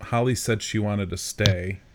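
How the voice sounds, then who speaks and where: A man's voice: fairly low pitch, steady tone, unhurried. A man casually chatting as a podcast co-host, recapping a film and poking fun at its dated details. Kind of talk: casual chat recapping a movie.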